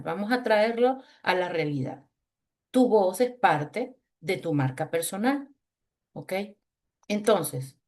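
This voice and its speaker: A woman with a low, chest-resonant voice, leading a webinar on voice in a lively, teasing, conversational way over a video call. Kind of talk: webinar talk with exercises.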